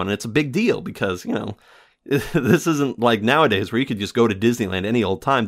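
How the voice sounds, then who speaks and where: A man talks through an old film in a casual, rambling review. His voice sits a little low. He stumbles, corrects himself and laughs between thoughts. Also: a bit bright. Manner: rambling, lots of fillers and self-corrections, laughs often.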